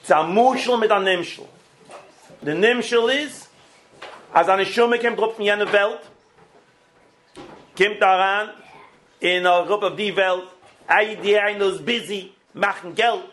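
A man telling a religious parable in halting, informal speech, often repeating and restarting phrases and switching in English words. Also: high voice, a bit bright. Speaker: storyteller.

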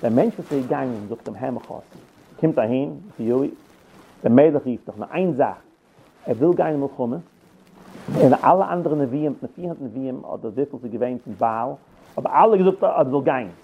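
A man's voice: medium pitch, a little fast, gravelly, slight background noise. A man teaching a Bible story, retelling it with acted quotes and frequent restarts. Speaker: Torah teacher. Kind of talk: Yiddish-flavored Bible lesson. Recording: tinny phone-like line.

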